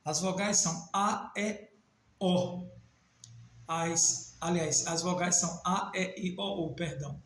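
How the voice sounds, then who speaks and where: A man from Northeast Brazil with a Northeastern Brazilian accent teaches a Portuguese grammar video lesson. He spells out letters slowly and makes small self-corrections. His voice sits high with fairly even intonation and a fairly bright tone, and the sound is roomy.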